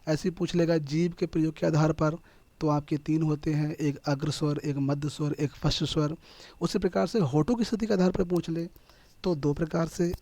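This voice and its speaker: A man's voice: a little high, warm tone, no echo. A man with a Hindi accent teaching an exam-prep lesson, explaining step by step and answering his own questions.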